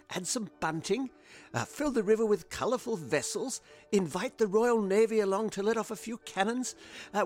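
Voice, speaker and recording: A man voicing an enthusiastic male courtier planning a royal river party. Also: high-pitched. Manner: eager, listing ideas.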